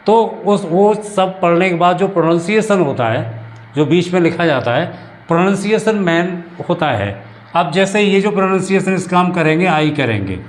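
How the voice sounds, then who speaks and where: A man teaching English grammar in a classroom-style lesson, explaining slowly and repeating himself often. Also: high-pitched. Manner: explains slowly with many repetitions and restarts.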